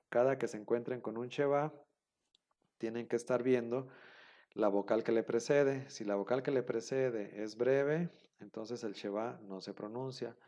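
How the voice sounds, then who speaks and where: A man's voice: mid-range voice, dark tone. A man explains a rule to his students, going over it again and again. He talks patiently, with plenty of fillers and small restarts. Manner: patient, repeats rules, many fillers. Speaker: Hebrew teacher. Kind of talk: online class explanation.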